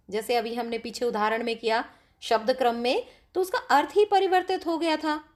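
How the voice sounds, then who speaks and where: A woman teacher explaining grammar to pupils step by step, often asking them questions. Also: a little high. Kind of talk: classroom grammar lesson.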